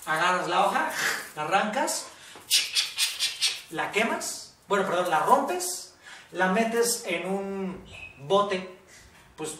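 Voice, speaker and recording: A woman's voice: mid-range voice, expressive, slow, long pauses, fairly bright tone, slight background noise. A woman with a Mexican accent teaching a casual workshop lesson, blunt and swearing freely, often checking in with "¿ok?". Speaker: workshop facilitator. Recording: echoey room from far off.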